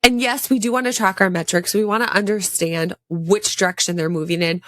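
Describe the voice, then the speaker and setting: A woman's voice: mid-range voice, steady tone, fairly quick, a bit bright, no room sound, clean studio sound. A woman hosting a casual solo podcast with a congested, stuffed-up voice, talking with enthusiasm and repeating words for emphasis. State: congested from a sinus infection. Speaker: podcast host.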